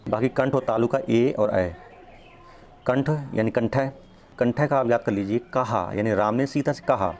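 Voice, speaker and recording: A man's voice: medium pitch, measured pace, a little mellow. A man teaching an exam-prep grammar lesson, explaining step by step, drawing out the sounds he demonstrates and checking in often.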